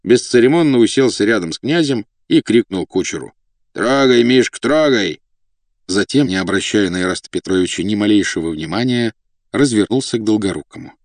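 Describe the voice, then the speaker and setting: Low-voiced male audiobook narrator. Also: lively intonation, fairly quick, a little mellow, dry recording. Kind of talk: scripted narration.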